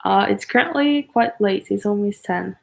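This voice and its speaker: Streaming from her apartment, a woman in her twenties, aged twenty, talks at a normal speed in a creaky, medium-pitched voice. She comes across as unsure, filling gaps with fillers and apologizing often.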